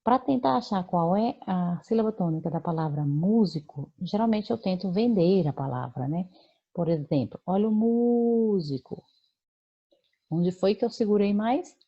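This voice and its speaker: A woman's voice: fairly low pitch, lively intonation, normal speed, slightly rough, lo-fi sound. A Brazilian woman teaching a remote lesson, explaining patiently with many fillers and check-ins to her students. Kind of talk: remote lesson correcting homework.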